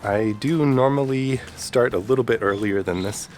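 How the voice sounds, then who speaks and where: A young vlogger from around Chicago chats casually while walking city streets, his mid-range voice congested and nasal from a cold. He talks at a moderate pace in a relaxed, chatty manner, with music playing underneath.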